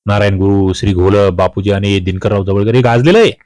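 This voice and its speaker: Brisk and fairly low-pitched, with a darkish tone and no echo, a Maharashtrian-accented man quizzes students on history for their exams. He stresses his points emphatically, repeats the main questions and answers, and drops in colloquial comments.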